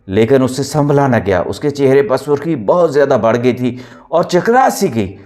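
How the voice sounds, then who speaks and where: Expressive male storyteller. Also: medium pitch. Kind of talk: first-person story narration.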